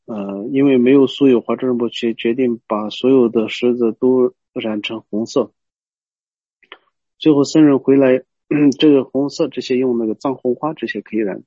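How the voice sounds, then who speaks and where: A man giving a Buddhist teaching as a story, hesitant, pausing often and explaining as he goes. The recording is dull and lo-fi. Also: medium pitch, mellow, husky, dry recording. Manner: hesitant, many pauses and restarts, explaining as he goes.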